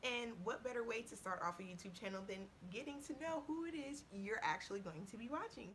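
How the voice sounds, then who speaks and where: A woman in her thirties chatting casually to the camera in a get-to-know-me video, animated and playful, laughing often. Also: on the high side, a little fast, a little hiss or hum. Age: 30s. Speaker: vlogger.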